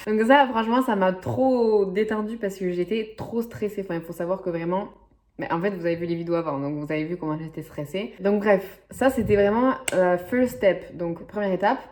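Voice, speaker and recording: A young adult woman from the French Basque Country tells a story to camera for a casual vlog, rambling chattily with plenty of fillers and asides. Her voice is medium-pitched and a little mellow, and she speaks briskly.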